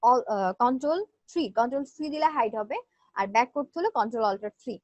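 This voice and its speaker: A woman's voice: on the high side, expressive, racing, no room sound. A woman teaching a live graphic design class, walking students through each step with brief fillers. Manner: explains step by step, fillers between steps. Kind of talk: live online class, screen demo. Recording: dull lo-fi sound.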